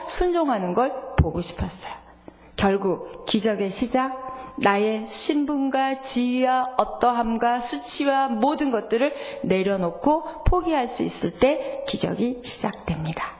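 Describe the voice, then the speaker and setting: A woman pastor preaching a sermon, lively, acting out God's voice and dropping to whispers for emphasis. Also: a little high. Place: church sanctuary.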